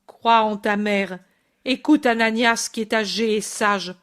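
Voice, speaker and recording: A woman's voice: fairly high pitch, unhurried, natural voice. A woman reading aloud and voicing an anguished older mother who pleads and cries out for her wayward son. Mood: tender pleading. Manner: pleading, crying out in despair. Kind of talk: audiobook reading.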